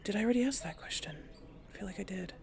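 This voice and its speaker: This let's play host gives casual game commentary with a bit of role play, musing aloud to herself and her audience. She speaks quickly at a medium pitch, with a gravelly edge.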